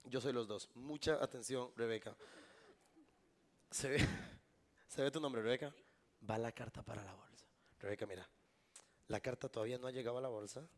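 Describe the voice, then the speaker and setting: A Costa Rican man with a mid-range voice performs a live magic trick on stage before an audience. He talks at a normal speed, pausing often as he jokes with a volunteer and the crowd.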